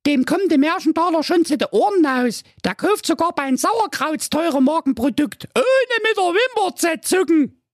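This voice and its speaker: A shrill bratty princess. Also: male voice, animated, moderate pace, dry recording, clean studio sound. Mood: snippy. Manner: shrill squeaky falsetto, snippy and scornful. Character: bratty spoiled young princess, shrill and rude. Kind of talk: comic fairy-tale parody reading.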